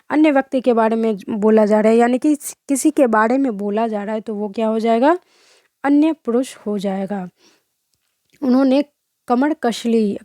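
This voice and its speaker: Young woman, grammar teacher, mellow higher voice, rhetorical questions, self-corrections. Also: no echo, clean studio sound. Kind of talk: online grammar lesson.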